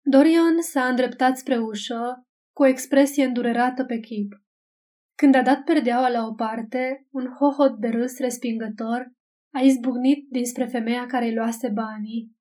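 Brief: female audiobook narrator, measured literary reading, warm, dark-toned voice. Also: on the high side, steady tone.

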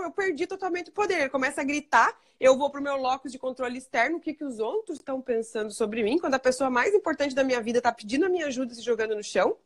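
A woman hosting a casual live chat about parenting, talking fast and acting out the things she and her young daughter say to each other. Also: sits high. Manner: fast, animated, acts out talks with her daughter. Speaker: host.

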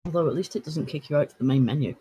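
A man chatting casually while gaming, quick to tease and jumping up in excitement. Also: on the high side, a crowd in the background, poor audio. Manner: animated, jumpy, teasing. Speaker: podcast guest.

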